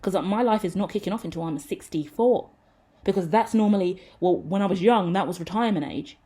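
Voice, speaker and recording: Blunt, mellow-voiced woman in her thirties. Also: lowish voice, fairly quick, slightly rough. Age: 30s. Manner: blunt, frank and rambling. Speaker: tarot reader. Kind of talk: casual tarot reading to camera.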